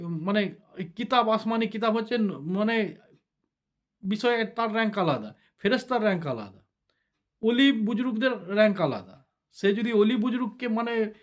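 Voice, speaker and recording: A man giving a sermon-style religious talk, explaining step by step and often checking with the listeners. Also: high voice. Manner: explains step by step, asks the listeners "ঠিক আছে?". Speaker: religious speaker.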